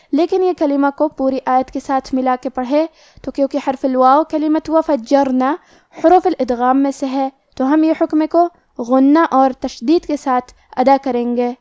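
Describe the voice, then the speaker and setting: In a calm, step-by-step tajweed lesson, a woman with a high, clear voice explains each Quran recitation rule plainly before slowly reciting the words. The audio is dry and close, without room echo.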